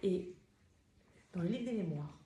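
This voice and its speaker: A woman telling a religious story to a group of women in a lively, chatty way, addressing her listeners directly. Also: on the low side, measured pace. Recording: roomy echo, faint noise.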